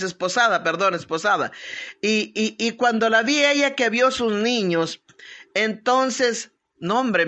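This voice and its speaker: A woman pastor hosts a live online prayer broadcast, leading an informal devotional talk full of prayers, greetings, and conversational asides. Her mid-range voice is strong and forceful. She speaks conversationally, hesitating as she searches for words and dotting her talk with amens and tag questions.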